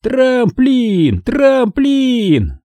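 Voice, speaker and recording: A man voicing a mob of nasty garden gnomes in a high sing-song chant. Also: huge pitch swings, very slow, dark tone, no echo, exaggerated voice. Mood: gleeful chanting.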